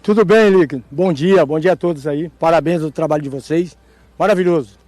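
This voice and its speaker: A man's voice: fairly high pitch, a little fast, a little mellow, no echo. A man who plays the cattle horn, answering a reporter outdoors at a farm fair in a folksy, laughing, rambling way. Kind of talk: casual interview answers.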